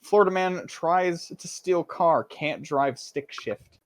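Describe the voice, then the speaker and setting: A man co-hosting a casual voice-call podcast, excitable and swearing freely as he reads out headlines. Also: a little high, slow. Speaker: podcast co-host. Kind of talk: casual chat.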